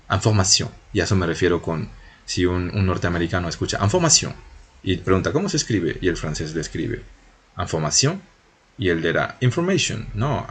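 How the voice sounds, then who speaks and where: Brief: man, very low husky voice, patient teacher explaining step by step, keeps checking in with viewers. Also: fairly bright tone. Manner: patient, repeats points and checks in with a frequent "¿no?". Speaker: French teacher. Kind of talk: explanatory video lesson.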